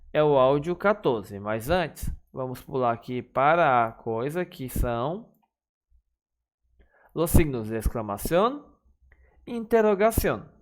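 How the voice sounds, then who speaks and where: A man teaching a recorded Spanish lesson to schoolchildren, explaining patiently and speaking straight to his pupils. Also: mid-range voice.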